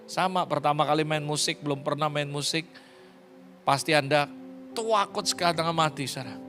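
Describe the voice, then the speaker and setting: A man preaching a sermon as pastor, passionate and often rising to loud, high exclamations, slipping English phrases into his talk. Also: moderate pace, faint music behind.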